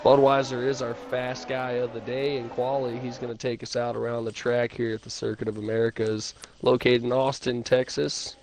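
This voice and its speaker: A man's voice: mid-range voice, normal speed, hardly any pauses. Sim racing commentator man, noisy stream. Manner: relaxed, chatty, reads chat messages aloud. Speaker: race commentator. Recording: stream audio with clear background noise.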